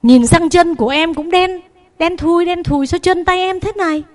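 A woman's voice: very high voice, moderate pace, pitched above the performer's own voice. A woman voicing a weary poor farmer father. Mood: gentle.

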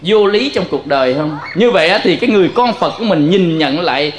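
A man preaching a Buddhist sermon. His voice sits high for a man. He tells vivid stories and keeps calling out questions to his audience. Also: quick pace. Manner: lively storytelling, addressing listeners directly.

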